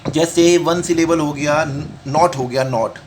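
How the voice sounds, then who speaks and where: A man's voice: fairly high pitch, a little hiss or hum. Man teaching shorthand, repeating each point. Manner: repeats each point slowly, often asks and answers his own questions; mixes Hindi with English terms, reads rules out in English. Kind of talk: home lesson with explanations.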